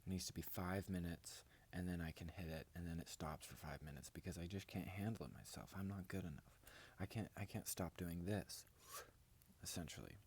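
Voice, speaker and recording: A man with a very low, husky voice talks straight to his viewers in a casual vlog. He rambles from one idea to the next with grandiose confidence. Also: fairly quick, darkish tone. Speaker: vlogger.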